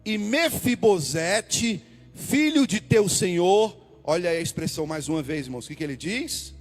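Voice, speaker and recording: A man preaching a sermon as pastor, repeating key words and swinging from loud calls to hushed asides. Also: high-pitched, lively intonation, moderate pace. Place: church hall. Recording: long hall reverb, faint music.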